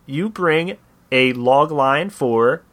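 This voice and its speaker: A man co-hosting a casual podcast, playfully pitching ideas and laughing along. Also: very slow, fairly bright tone. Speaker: podcast co-host. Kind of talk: casual chat.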